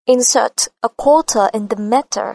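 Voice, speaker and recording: A woman voicing a gracious, pregnant Indian accent teacher who slowly drills English tongue-twisters. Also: fairly high pitch, fairly even intonation, a little mellow, dry recording, clean studio sound, close to an everyday voice. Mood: instructive.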